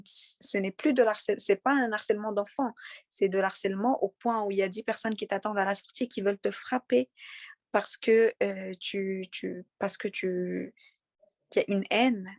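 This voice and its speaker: In a conversational interview, a young interviewee with a faint Moroccan accent stumbles over repeated words and fillers while speaking sincerely. Her voice is middle-pitched, creaky and slightly mellow, captured up close in a dry setting without any room echo.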